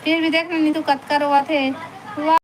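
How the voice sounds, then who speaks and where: A woman's voice: sits high, little pitch movement, moderate pace. A woman with a Chhattisgarhi accent, chatting on a phone live stream, greeting viewers by name and coaxing them to stay. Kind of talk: casual live chat reading viewer comments. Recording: noisy live-stream audio.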